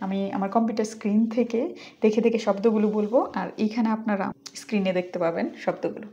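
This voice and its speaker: A woman's voice: medium pitch, steady tone, fast, muffled recording, over music. A woman with a Bangladeshi accent teaching English pronunciation, stretching out and exaggerating each model word. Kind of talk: pronunciation lesson.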